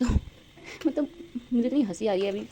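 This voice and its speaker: Holding her phone as she makes breakfast indoors in her kitchen, a young Pakistani woman with an Urdu accent rambles chattily through a casual vlog, packed with fillers. Her fairly high-pitched voice sits over noticeable background noise.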